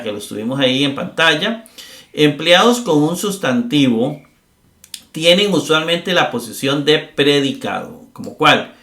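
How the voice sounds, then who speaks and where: A man's voice: on the high side, fairly bright tone, echoey room. A middle-aged man teaching a grammar lesson, explaining patiently with many fillers and tag questions. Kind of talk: recorded lecture.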